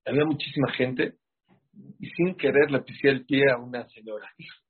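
A man giving an animated sermon, full of rhetorical questions to his listeners. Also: mid-range voice, brisk, breathy edge. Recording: muffled lo-fi sound.

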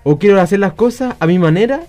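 Mellow-voiced man explaining faith calmly. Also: high voice, quick pace, faint music behind. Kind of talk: casual faith chat.

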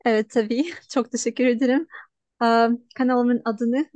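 A woman in her twenties from Russia with a Russian accent, answering interview questions in halting, simple non-native Turkish. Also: a little high, steady tone, darkish tone, no echo. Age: 20s. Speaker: interview guest, language learner. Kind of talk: casual interview.

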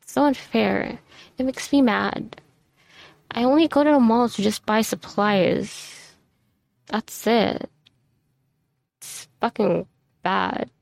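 A woman's voice: fairly high pitch, takes it slowly, vocal fry, pauses often, no echo. A tired woman venting frankly into her microphone at home, swearing now and then and close to tears. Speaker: vlogger. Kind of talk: casual ranting monologue. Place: messy room at home. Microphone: desk microphone.

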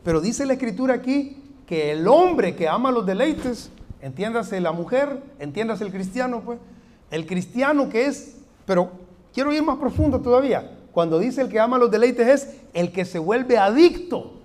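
A man's voice: very high voice, lively intonation, normal speed, darkish tone. A man in his forties with a Salvadoran accent, preaching a sermon with humor and many rhetorical questions. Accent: Salvadoran Spanish. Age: 40s. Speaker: pastor.

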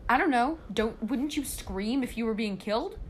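A woman's voice: a little high, lively intonation, normal speed, a little hiss or hum. A young woman chatting casually in a bossy, ranting, playful way, breaking into sing-song fillers. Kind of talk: casual chat.

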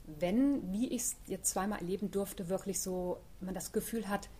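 Middle-aged woman, author guest, chatty and reflective, average pitch. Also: moderate pace, warm tone, slightly rough. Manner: reflective, chatty, many fillers. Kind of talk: casual interview talk.

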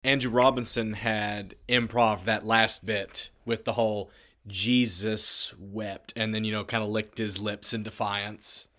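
A man hosting a casual podcast chat, calm and amused, dropping bits of trivia. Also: fairly low pitch, a little slow. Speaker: podcast host.

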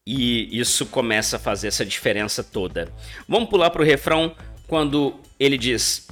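A Brazilian man in his thirties with a Brazilian Portuguese accent, hosting a chatty podcast pronunciation lesson and slowing down to model English phrases. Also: mid-range voice, fairly bright tone. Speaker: English teacher, podcast host. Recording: faint guitar music behind the voice.

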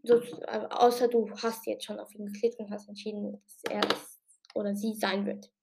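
A woman's voice: mid-range voice, level tone, vocal fry, background noise. A woman giving casual, rambling tips on her own show, with many fillers and restarts. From outside Germany. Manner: says she talked a bit fast. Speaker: podcast host giving tips. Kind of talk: casual spoken explanation.

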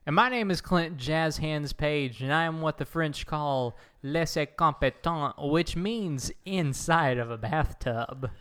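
A man's voice: on the high side, measured pace, few pauses, a bit bright, clean tone. A man co-hosting a podcast from his bathtub, joking through casual banter, his voice ringing with an echo like an indoor swimming pool. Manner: jokey, playfully absurd banter. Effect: echoey bathtub sound, like an indoor swimming pool. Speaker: podcast co-host. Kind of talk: casual chat. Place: inside his bathtub at home. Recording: echoey tiled-bathroom recording.

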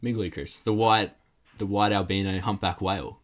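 A man's voice: fairly low pitch, fairly even intonation, a little fast. A man with an Australian accent co-hosting a church leaders podcast, chatting casually and teasing his co-host. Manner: playful, teasing banter.

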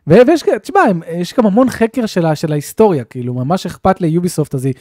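A man co-hosting a casual gaming podcast, telling game stories with animated, acted-out bits. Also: high-pitched, no echo, clean studio sound. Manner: animated storyteller, acts out scenes. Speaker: podcast co-host.

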